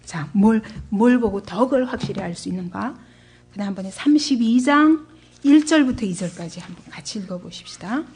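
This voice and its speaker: A woman's voice: medium pitch, animated, moderate pace, darkish tone, breathy edge. A woman pastor preaching a sermon to a congregation, asking them questions and acting out the voices she quotes. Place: church.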